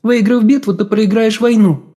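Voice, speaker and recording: A male narrator voicing a teasing, sharp-tongued young woman in an audiobook, firing off pointed, reproachful questions. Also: high-pitched, steady tone, moderate pace, voice pushed up. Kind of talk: audiobook character voice.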